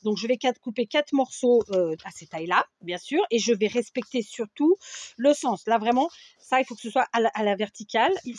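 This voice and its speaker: A woman with a slightly high voice hosts a craft tutorial. She talks her viewers through each measurement and cut, step by step, and keeps checking that they are following. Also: dry recording. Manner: explains step by step while measuring and cutting.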